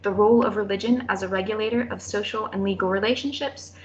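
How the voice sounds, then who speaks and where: A woman's voice: medium pitch, steady tone, quick pace, highs cut off, a little hiss or hum. A young woman giving a prepared academic thesis presentation in a formal, careful manner with occasional hesitations. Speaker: student presenter defending a thesis.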